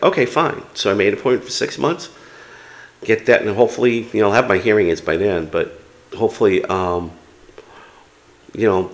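A man's voice: lowish voice, a bit bright. A man in his fifties giving a casual, conversational explanation to camera in a room at home. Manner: conversational, recounting and quoting dialogue. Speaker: vlogger on living with an illness. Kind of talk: casual explanatory vlog chat. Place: small home room, indoors.

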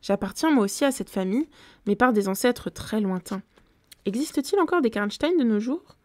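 A woman's voice: a little high, animated, moderate pace, darkish tone, no room sound, lightly acted. A woman reading as a languid vampire girl. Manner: languid, murmuring.

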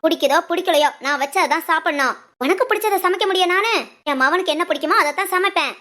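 A woman voicing a bossy, sharp-tongued village mother-in-law in a cartoon, scolding with curt retorts. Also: very high-pitched, quick pace. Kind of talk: cartoon voice acting.

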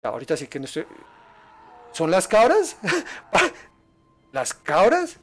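Streamer man, high voice, excitable live play commentary. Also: moderate pace. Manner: excitable, yelps and laughs at danger, chats with viewers. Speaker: gaming streamer.

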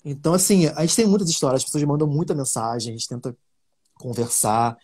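Husky-voiced man telling a story. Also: fairly high pitch, brisk. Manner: animated storytelling with many fillers and restarts. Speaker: interview guest, producer. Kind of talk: casual interview talk.

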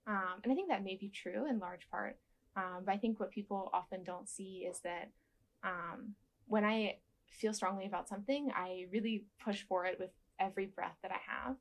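Seated in a dark studio, a young woman with a soft, medium-pitched voice gives gentle, thoughtful interview answers at a normal speed, often saying "um" and restarting her sentences. The recording quality is low.

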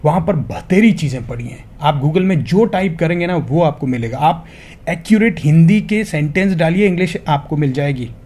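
A man's voice: fairly high pitch, lively intonation, normal speed, darkish tone, breathy edge. A man giving an earnest, motivational spoken lesson, calling viewers his friends and slipping English phrases into his talk. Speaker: English teacher.

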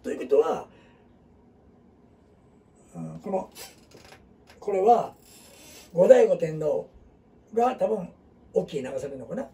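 A man's voice: high voice, animated, takes it slowly, creaky, long pauses, mellow, distant mic. A middle-aged man with a Kansai accent, teaching a group in a rambling, casual way full of fillers and asides. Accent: Kansai Japanese. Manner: rambling, talks in dialect with many fillers and asides. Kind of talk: casual classroom talk.

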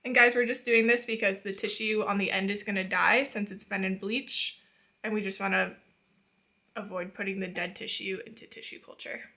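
A woman's voice: medium pitch, steady tone, moderate pace, pushed and bright. A young woman hosting a how-to video, giving friendly, patient step-by-step instructions with small laughs. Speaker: channel host teaching plant tissue culture. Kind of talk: casual instructional voice-over and live coaching.

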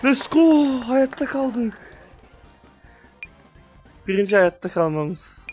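A young man giving casual, excitable commentary on a VR game, slangy, with loud outbursts, sometimes speaking English. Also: very high-pitched, takes it slowly, soft background music. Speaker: gaming youtuber.

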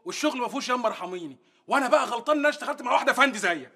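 An actor playing a boastful, shady antiquities dealer with a husky voice and an Egyptian accent. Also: male voice, very high voice, expressive, rapid-fire, bright, forceful tone, full character voice. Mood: brash. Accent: Egyptian Arabic. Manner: brash, bragging.

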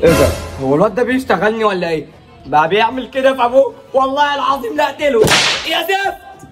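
A man's voice: very high voice, lively intonation, quick pace. A man playing a panicked, hot-tempered Egyptian father who scolds his son. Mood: suspicious. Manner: frantic, scolding. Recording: roomy sound from far off, music behind.

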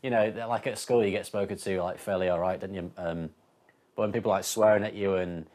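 A man from Northern Ireland tells his story quickly, in a very low voice. He talks casually and loosely, with lots of ums and likes. He sounds like a former soldier looking back, unscripted. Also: fairly even intonation, a little mellow. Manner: loose, filler-heavy storytelling. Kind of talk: casual recollection.

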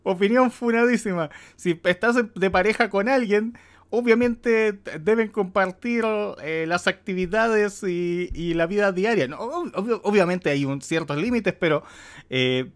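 A man's voice: sits high, a little slow. A man streaming casual live commentary as he reacts to a film.

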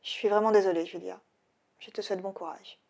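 A woman's voice: mid-range voice, fairly even intonation, a little fast, vocal fry, a little mellow. A woman reading the lines of a regretful male shaman in a book reading. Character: adult male shaman, sorry and gentle.

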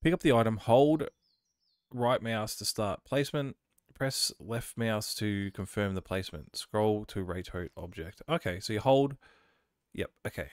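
With a cold coloring his slightly low voice, a man narrates his gameplay in a relaxed let's-play style, reading on-screen instructions aloud and thinking out loud. His pace is a little slow and his tone clear and resonant. The recording is clean studio sound with no room echo.

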